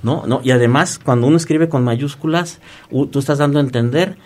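A man, an online course teacher, explaining as a guest in a radio booth, often restarting words and filling pauses with "este". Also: medium pitch, darkish tone. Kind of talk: explanatory interview talk.

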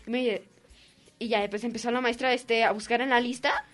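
Teenage girl, mexican spanish accent, high voice, animated radio storytelling. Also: a little fast, soft background music. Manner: animated, acts out voices in her story, giggly. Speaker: young radio co-host. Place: radio studio.

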